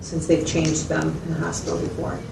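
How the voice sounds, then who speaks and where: Heavily acted, a low-pitched woman with vocal fry and big pitch swings speaks briskly as a mental health clinician in a role-played consultation. Patient and methodical, she explains and asks questions to confirm understanding. A distant mic records her in an echoey, noisy room.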